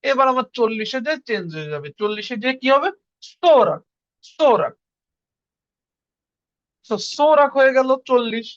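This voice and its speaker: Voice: medium pitch, expressive, quick pace, few pauses, fairly bright tone, dry recording, muffled recording. Patient teacher. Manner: patient, repeats each word and drills learners to say it back. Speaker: language teacher. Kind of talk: online class lesson.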